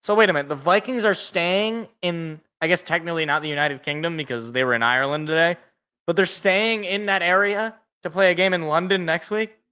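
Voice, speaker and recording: A man in his twenties hosts a live football reaction stream. He calls plays and jokes with his chat in a bright, forceful voice that sits slightly high. His humor is self-deprecating. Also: brisk, clear, resonant tone. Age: 20s. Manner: joking, self-deprecating, chatting with viewers. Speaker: sports podcast co-host. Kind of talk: live game reaction and play-by-play.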